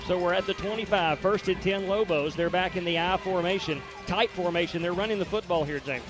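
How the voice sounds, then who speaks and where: Higher-voiced male color commentator, folksy and partisan, breaks down plays in detail. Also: brisk. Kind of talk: radio football color commentary.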